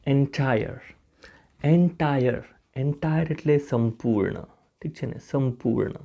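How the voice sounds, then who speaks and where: A man from India teaches English words in a slow, unhurried lesson. His voice is mellow and soft-edged. He spells each word out letter by letter, repeats the pronunciation, and checks in with a rising "okay?". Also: medium pitch, vocal fry. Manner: keeps asking a rising "okay?" check to the viewer.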